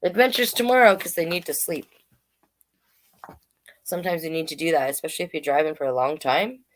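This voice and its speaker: A low-pitched, fairly quick woman's voice leads an informal storytime. As a drag king storyteller, she reads picture books aloud and slips in chatty comments along the way.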